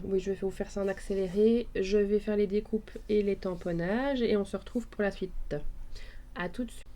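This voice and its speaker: A woman's voice: medium pitch, darkish tone. A woman casually explaining her scrapbook page at her craft table, hesitant and full of fillers and restarts.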